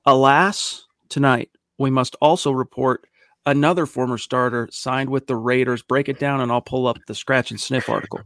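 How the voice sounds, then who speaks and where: A man's voice: mid-range voice, fairly even intonation, moderate pace, a bit bright, no room sound, studio quality. A man hosting a sports podcast, talking casually and energetically with some fillers. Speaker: podcast host.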